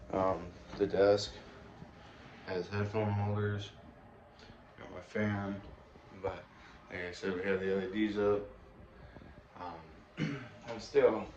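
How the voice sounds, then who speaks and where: Young male vlogger, low-pitched, casual rambling delivery, muffled phone recording. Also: roomy sound. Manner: rambling, many fillers and restarts. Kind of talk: casual room tour vlog. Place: small bedroom, indoors. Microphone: phone camera. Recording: dull lo-fi phone audio with faint hiss.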